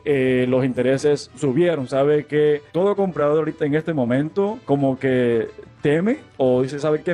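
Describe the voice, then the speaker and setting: A man's voice: mid-range voice, darkish tone. A man in his thirties from Cuba, a mortgage lender explaining things earnestly as a guest. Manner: earnest, many fillers and restarts.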